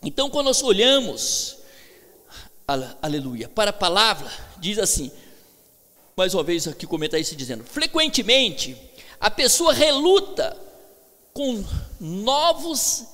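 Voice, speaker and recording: High-voiced pastor preaching with emphasis. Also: male voice, big pitch swings, unhurried, long pauses. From Brazil. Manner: preaching with emphatic swings between loud calls and hushed asides. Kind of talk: sermon. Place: church hall. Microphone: handheld microphone. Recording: echoey church hall.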